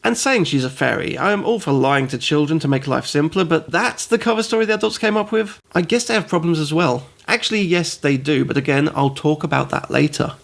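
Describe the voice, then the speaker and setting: Sarcastic gravelly man reviewing a game. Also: on the high side, fairly quick, few pauses. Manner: sarcastic, goes off on tangents. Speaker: host and reviewer. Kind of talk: comedic game review narration.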